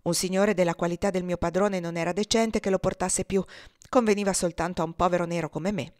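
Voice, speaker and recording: A woman's voice: lowish voice, steady tone, brisk, darkish tone, dry recording, natural voice. A woman voicing a young, vain, pompous male house servant who is haughty and fawning, in a dry storybook reading. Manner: haughty, self-important and fawning.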